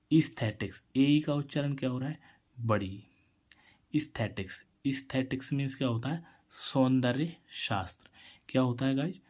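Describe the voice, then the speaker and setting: A man teaching English pronunciation in Hindi, in a slow and repetitive way, quizzing his viewers. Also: mid-range voice, a little mellow. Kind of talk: Hindi-medium pronunciation lesson.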